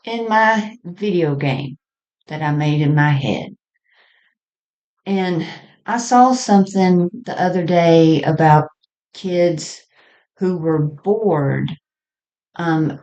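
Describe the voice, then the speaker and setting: In a lo-fi recording, a woman podcast host with a low, slightly mellow voice muses unscripted about spirituality by herself. Very slow and reflective, she frequently trails off mid-thought before moving to another.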